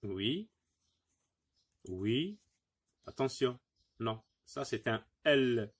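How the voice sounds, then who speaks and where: Man teacher, husky, unhurried; sounds out words by syllable for young pupils. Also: medium pitch, lively intonation. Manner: repeats words slowly, syllable by syllable; patient, encouraging, addresses pupils directly. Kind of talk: phonics lesson for young pupils.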